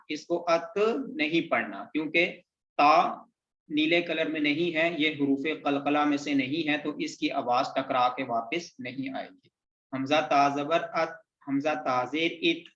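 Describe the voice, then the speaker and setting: Slow, patient man teaching letter sounds. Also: fairly high pitch, fairly bright tone. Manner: patient and repetitive, drilling syllables. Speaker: Quran reading teacher. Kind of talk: slow recitation lesson, spelling out letter sounds. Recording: roomy, dull lo-fi sound.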